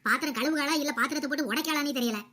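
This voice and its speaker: A woman's voice: high voice, rapid-fire. A woman voicing a bossy, scolding mother-in-law in a cartoon comedy. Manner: nagging, scolding, sharp-tongued.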